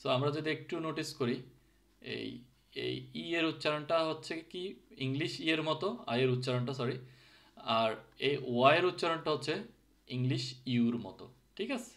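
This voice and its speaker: A man's voice: a little high, lively intonation, a little slow, vocal fry, fairly bright tone. A man explaining letter sounds in a casual lesson, often checking in with his listeners and mixing English words into his speech. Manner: checks in with "ঠিক আছে?" often. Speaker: language teacher. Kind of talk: explaining pronunciation.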